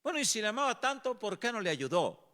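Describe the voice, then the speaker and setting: A man's voice: sits high, sing-song, fast, sharp tone, pitched above the performer's own voice, exaggerated voice. A man quoting scornful grumbling critics. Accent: Mexican Spanish.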